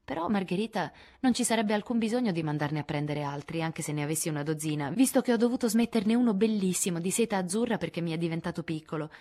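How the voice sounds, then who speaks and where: A woman's voice: on the low side, lively intonation, fast, hardly any pauses, mellow, pitched above the performer's own voice. A woman reading an audiobook, voicing an affected young society woman who speaks sweetly and condescendingly. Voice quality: sweet, gushing.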